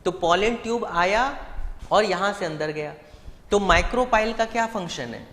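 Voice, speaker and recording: A man's voice: sits high, animated, normal speed, a bit bright, in a large hall. A man teaching a live online biology class, explaining step by step and putting rhetorical questions to his students. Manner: addresses students directly and fondly.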